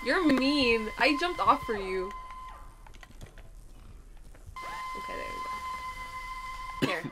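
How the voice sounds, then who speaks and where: A woman's voice: sits high, wildly swooping pitch, takes it slowly, noisy background. A woman playing a co-op video game, chatting casually and laughing often. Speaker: gamer. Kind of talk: casual co-op gameplay chat.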